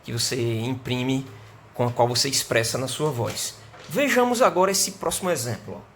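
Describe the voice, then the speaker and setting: A Brazilian man teaching an English grammar lesson online. He explains patiently, keeps asking "né?" and "certo?", and slows down to model the English sentences. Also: medium pitch, lively intonation, a little hiss or hum. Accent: Brazilian Portuguese.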